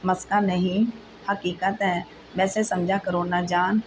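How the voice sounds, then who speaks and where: A woman's voice: on the low side, takes it slowly. A woman voicing a young man, a devoted husband who speaks tenderly and reassures his wife. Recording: steady background noise.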